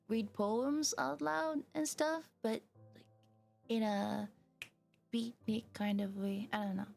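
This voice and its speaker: A woman's voice: fairly high pitch, gravelly, darkish tone. A woman streamer who chats casually and reads a story game aloud, with lots of fillers and giggles. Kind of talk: reading a story game aloud while chatting.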